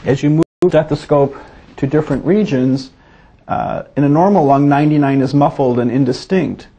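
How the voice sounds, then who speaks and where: A male physician leads a teaching demonstration with a gravelly, husky voice. His tone is dark and mellow, steady and methodical as he explains each step for students. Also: fairly high pitch, moderate pace.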